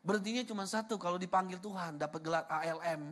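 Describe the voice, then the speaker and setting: A man from Sumatra delivers a sermon in a bright, keen voice. He keeps asking the congregation questions and addresses them directly. He mixes humor and personal stories into an easy, chatty flow. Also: sits high, quick pace. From Sumatra, Indonesia. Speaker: preacher.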